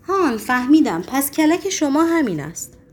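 A woman voicing a frantic shouting young poet. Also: high voice, big pitch swings, pitched above the performer's own voice. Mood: defiant.

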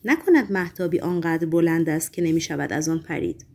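A woman's voice: low voice, warm tone, pitched below the performer's own voice. A blunt, curious young male poet, grudging and a little sheepish in his replies, as a woman reads him in an audiobook. His short answers come out plain and frank. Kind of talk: audiobook reading.

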